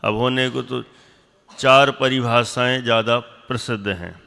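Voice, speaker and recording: A man teaching a religious class, slowly repeating definitions and quizzing and scolding his pupils. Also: mid-range voice, steady tone, gravelly, sharp tone, clear, resonant tone, long reverb tail. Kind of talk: classroom lesson with questions to students.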